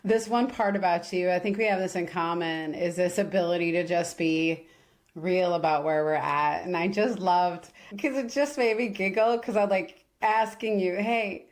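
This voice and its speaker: A woman's voice: lowish voice, normal speed. Giggly, enthusiastic woman podcast host. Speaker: host, coach. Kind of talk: casual podcast chat.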